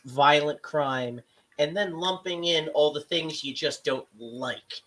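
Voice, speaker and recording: A podcast co-host with a mid-pitched voice talks in a wry, loose, rambling way. The chat is casual and opinionated, with plenty of profanity thrown in. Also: slow pace, fairly bright tone.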